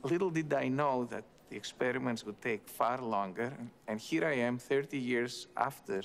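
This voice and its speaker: An older man from Turkey, a theoretical physicist, telling his story in a measured, thoughtful interview. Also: mid-range voice, creaky, a little hiss or hum. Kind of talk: reflective interview. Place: indoor interview set.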